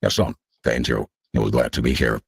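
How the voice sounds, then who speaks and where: A man speaking as a guest through a voice changer that shifts his voice very deep, talking haltingly with many filler sounds in a casual online interview. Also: expressive, creaky, husky, no echo, studio quality. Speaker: guest representing a project.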